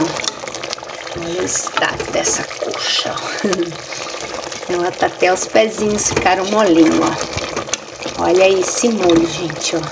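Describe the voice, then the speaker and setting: A woman in her forties chatting casually through a home cooking vlog, recorded by a camera across her kitchen. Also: mid-range voice. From Brazil. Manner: chatty, keeps saying "gente" and "ó". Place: home kitchen with tiled walls. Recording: echoey kitchen with cooking noise.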